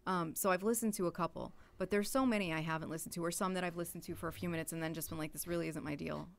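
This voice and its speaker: A woman's voice: lowish voice, fairly even intonation, very fast, creaky. A woman from New England, a podcast guest speaking candidly and earnestly. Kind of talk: casual chat.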